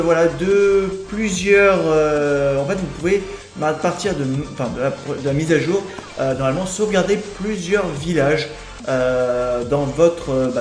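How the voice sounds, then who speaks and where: Young male gaming vlogger, high voice, rambling delivery, echoey room, soft music bed. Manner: rambling, many fillers and restarts. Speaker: gaming YouTuber. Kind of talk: casual gaming video commentary. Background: faint background music.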